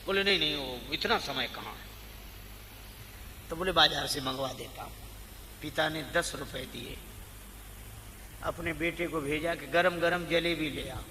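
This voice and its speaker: Male preacher, bright high voice, slow unhurried delivery, storytelling discourse, chanted verses. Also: slight background noise. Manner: expressive storytelling, chanted verse lines, voices rising for emphasis. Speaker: preacher telling a scripture story. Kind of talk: Hindi religious discourse with humorous tales. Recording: long hall reverb, faint ambience.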